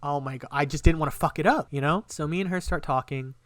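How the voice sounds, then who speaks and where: A young man with a slightly high voice recounts a story on a podcast, lively and swearing often. His voice sits close and dry, with no room sound around it. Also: quick pace, no echo. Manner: animated, swearing a lot, quotes himself in lively bursts. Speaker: podcast co-host. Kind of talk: casual storytelling.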